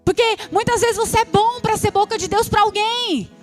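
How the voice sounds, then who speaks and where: Woman preacher, very high voice, emphatic drawn-out delivery, faint music underneath. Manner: preaching with emphatic, drawn-out lines and frequent "amém?". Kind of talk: sermon.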